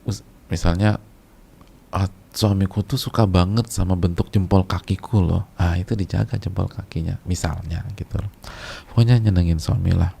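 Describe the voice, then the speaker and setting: A man delivers a casual sermon to a women's congregation in a low, dark-toned voice with a gravelly edge. He repeats his key phrases for emphasis and mixes in Arabic. His chatty colloquial asides keep the preaching conversational. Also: steady tone, moderate pace. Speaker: Islamic preacher.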